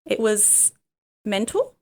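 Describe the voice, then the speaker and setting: Her voice mid-range, sing-song, and dark, a life coach whose first language is Cantonese talks candidly about herself in an interview. She answers haltingly and thoughtfully, pausing often and saying um a lot.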